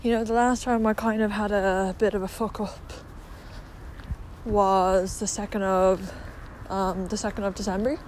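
A woman's voice: medium pitch, level tone, a little slow, darkish tone. A woman with a slight lisp from wearing a retainer, speaking candidly and hesitantly in a casual confessional podcast monologue recorded outdoors on a walk. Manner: hesitant, candid, with mild swearing. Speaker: podcast host. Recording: noisy outdoor walking recording.

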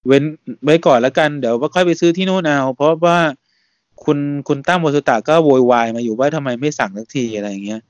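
A man hosting a casual podcast, talking in a relaxed, chatty way and laughing often. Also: mid-range voice, fast talker, dry recording. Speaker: podcast host.

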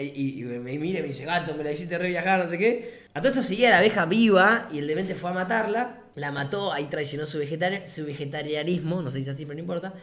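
A man's voice: fairly high pitch, fairly bright tone. A man in his twenties with an Argentine Rioplatense accent, casually telling a funny anecdote full of slang and often laughing as he talks. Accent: Argentine Rioplatense Spanish. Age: 20s. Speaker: vlogger. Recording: roomy echoey room.

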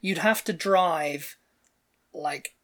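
Brief: woman podcast co-host, slightly low voice, loose chatty delivery full of "like" and "you know". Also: very slow, fairly bright tone. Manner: chatty, acts out quoted people, many fillers. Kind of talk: casual chat reacting to comments.

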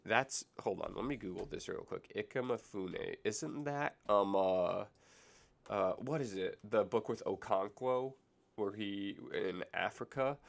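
Speaking with a creaky, fairly low voice and a congested nose, this roughly twenty-year-old man runs a laid-back solo podcast out of his basement. His delivery wanders through tangents, full of self-corrections and joking sarcasm.

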